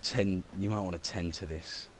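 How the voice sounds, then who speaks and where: A man's voice: low-pitched, steady tone, moderate pace. A man chatting casually with mocking, joking banter, far from the microphone. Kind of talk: casual chat.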